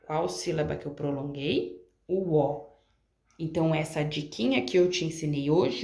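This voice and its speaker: A woman teacher explaining a lesson to pupils in a slow, patient way, drawing out syllables as she gives examples, with a Brazilian Portuguese accent. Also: lowish voice, vocal fry, darkish tone, echoey room.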